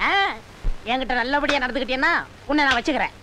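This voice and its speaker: A sly scheming disciple. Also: male voice, very high-pitched, fairly even intonation, quick pace, background noise. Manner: sly muttering asides, wailing protests. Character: scheming male sorcerer's disciple, cheeky. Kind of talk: film comedy dialogue.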